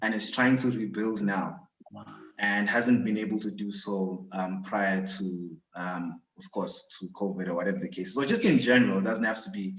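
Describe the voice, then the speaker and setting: A man's voice: fairly low pitch, moderate pace. A man hosting a live-stream interview, conversational and affirming, asking long questions with a few stumbles. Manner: conversational, lots of affirming hums, acts out a client's voice. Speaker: host. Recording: echoey room.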